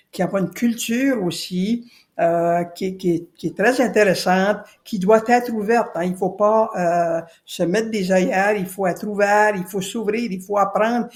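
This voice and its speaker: On a podcast, an Acadian woman from New Brunswick, representing a citizen committee as a guest, talks earnestly in a mid-range voice with a darkish tone. She repeats her key points for emphasis.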